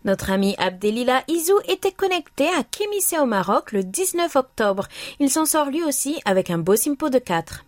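A woman reads listener reports as a radio host. Her voice sits high and swings widely in melody through the scripted lines. The recording is dry, with no room around her. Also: sing-song, normal speed, no room sound.

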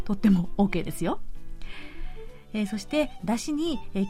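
Woman radio host, friendly and polite, animated high voice, faint music bed. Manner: chatty, polite, with soft laughs. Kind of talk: radio show recipe talk and sign-off.

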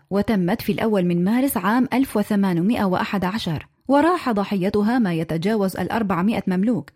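A female radio presenter reading listeners' contributions aloud in a clear, measured way. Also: mid-range voice, a little mellow.

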